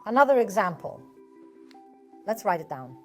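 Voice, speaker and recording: This woman teaches math methodically and with patience, taking it step by step at a moderate pace. Her voice sits at medium pitch with big swings in intonation. She often answers her own questions, and soft background music plays.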